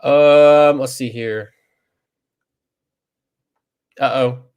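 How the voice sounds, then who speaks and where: A man in his thirties hosting a casual livestream trivia chat, relaxed and rambling with many fillers, on a video call mic. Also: medium pitch, drawn-out words, clear, resonant tone. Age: 30s.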